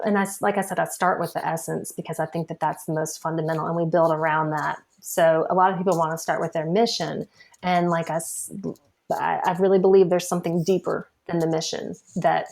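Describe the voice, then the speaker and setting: Talking about marketing as a podcast guest, this woman has a somewhat low, mellow voice. The conversation is relaxed and chatty, punctuated by frequent laughter and restarted phrases.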